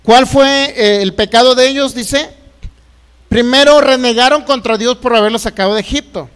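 A man's voice: very high voice, moderate pace, fairly bright tone, clear, resonant tone. A man preaching a sermon as pastor, folksy, acting out complaints in a raised voice.

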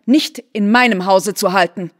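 A woman's voice: medium pitch, normal speed, close to an everyday voice. A woman voicing a stern, shocked noble mother who exclaims indignantly in a literary reading.

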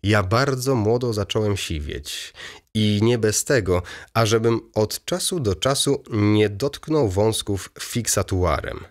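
A man reading an audiobook voices a fussy, excitable aging male baron in a raised, eager, chattering manner. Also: fairly low pitch, slow pace.

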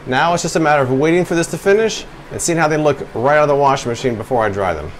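A middle-aged American man in his forties gives a casual product review to camera, speaking fast with a fairly high, lively voice. He moves between a covered outdoor patio and an indoor laundry room, and the recording carries noisy background ambience.

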